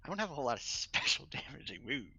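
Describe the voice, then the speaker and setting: A man's voice: mid-range voice, big pitch swings, racing, pushed and bright, slightly rough, no echo. A man player in a tabletop role-playing game, describing his character's moves in an offhand way. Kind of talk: casual game talk.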